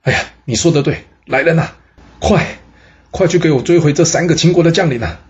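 A man's voice: mid-range voice, rapid-fire, highs cut off, natural voice. Meek young ruler mumbling excuses, voiced by a man, storybook telling. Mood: urgent.

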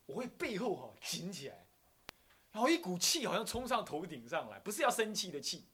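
A man with a Taiwanese Mandarin accent gives a Buddhist lecture in a fairly high, very lively voice. He acts out little scenes and chuckles often. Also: a little fast. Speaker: Buddhist abbot teaching.

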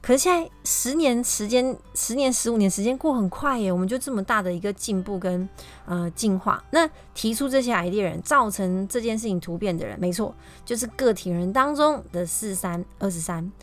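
A woman's voice: medium pitch, expressive, a little fast. A young woman with a Taiwanese Mandarin accent, hosting a solo podcast in a chatty way, full of fillers and rhetorical questions. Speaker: podcast host explaining a personality system. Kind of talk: casual solo podcast talk.

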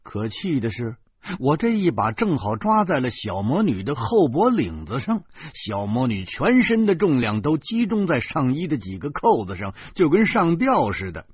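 A man telling a story in lively, dramatic Beijing colloquial speech, with a Beijing accent. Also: mid-range voice, moderate pace, breathy edge, no echo. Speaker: audiobook narrator. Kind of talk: storytelling narration. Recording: muffled, dry close recording.

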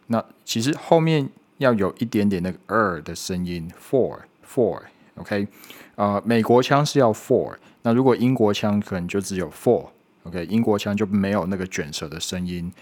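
A man with a somewhat low voice gives a spoken pronunciation lesson. He talks patiently and demonstrates each sound slowly, repeating it several times. He often checks in with a quick "OK". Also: darkish tone. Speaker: English pronunciation teacher.

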